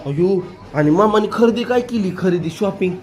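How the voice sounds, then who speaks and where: A woman's voice: mid-range voice, lively intonation, normal speed, a little mellow. Coaxing woman with a rural Marathi accent. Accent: rural western Maharashtra Marathi. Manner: coaxing, playful, asks question after question. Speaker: family vlogger questioning a toddler. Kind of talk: casual home vlog.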